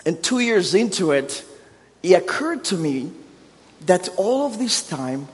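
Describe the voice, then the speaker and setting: High-pitched and sing-song, this man preaches unhurriedly as a guest in a church sanctuary, where his voice rings with long reverb. He's in his thirties, from Burundi, with Kirundi as his first language and a Burundian accent. Humor at his own expense and warm storytelling lead into rising emphasis.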